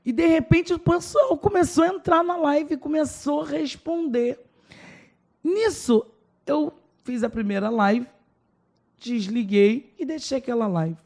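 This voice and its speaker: Brazilian woman pastor as podcast guest, gravelly voice, emotional storyteller. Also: high voice, measured pace, a little mellow. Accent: Brazilian Portuguese. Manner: emotional storytelling, acts out dialogue. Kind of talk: personal testimony in a podcast interview.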